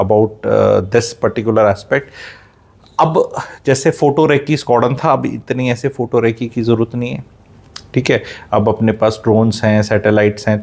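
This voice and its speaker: An Indian man speaking as a film reviewer. He mixes Hindi and English in a casual, opinionated way and explains technical flying details like a teacher, often pausing with "uh" and restarting. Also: mid-range voice, gravelly, a little mellow.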